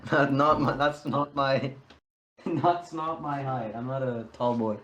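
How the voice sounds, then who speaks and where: A man's voice: medium pitch, takes it slowly, a bit bright, lo-fi sound, slight background noise. A young man co-hosting a podcast in crude casual chat, swearing a lot and laughing between lines. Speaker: podcast co-host.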